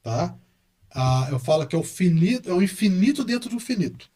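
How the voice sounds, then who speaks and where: Animated Brazilian man with a higher voice. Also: fairly quick. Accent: Brazilian Portuguese. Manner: animated, repeats words for emphasis. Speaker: guest, university professor and engineer. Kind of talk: casual podcast interview.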